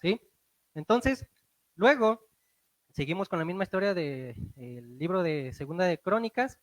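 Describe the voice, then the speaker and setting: Preaching to his congregation, a high-pitched man with a Mexican accent grows animated, slowing and lifting his voice for emphasis and firing off rhetorical questions. The recording is dry.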